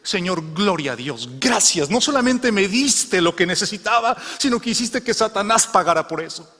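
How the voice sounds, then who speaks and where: A devout old woman who thanks God even in hard times, as a preacher puts her on. She speaks brightly and a little high, and a long hall reverb hangs behind her voice. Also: normal speed, heavily acted. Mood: thankful. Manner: calls out praise loudly.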